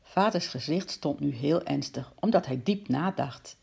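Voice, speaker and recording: A woman reading a children's book aloud in a steady, warm storytelling manner. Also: low voice, a little slow, creaky, husky.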